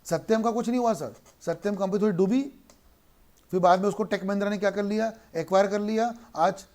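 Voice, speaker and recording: A man teaching a law class in Hindi mixed with English, who keeps asking questions and answering them himself, and slows down to read English lines aloud. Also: sits high, fairly even intonation, darkish tone. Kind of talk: online lecture.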